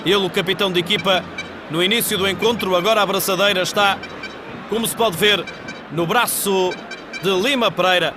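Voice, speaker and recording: A man with a European Portuguese accent giving live football match commentary in measured, descriptive phrases. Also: sits high, steady tone, over music. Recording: 1980s TV broadcast, loud stadium crowd noise. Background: football stadium crowd.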